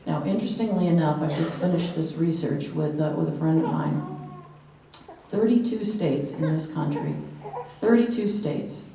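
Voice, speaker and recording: A woman's voice: low-pitched, moderate pace, dark tone, far from the mic, a little hiss or hum. A woman in her sixties giving an earnest conference talk full of personal anecdotes. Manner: earnest, anecdotal, with acted quotations. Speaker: conference speaker. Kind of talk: lecture to a live audience. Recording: echoey hall, mic from afar.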